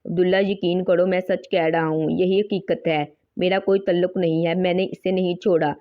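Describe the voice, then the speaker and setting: A woman's voice: on the low side, flat delivery, natural voice. A woman voicing a jealous, resentful young man who complains bitterly, in a slightly dull recording. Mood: pleading.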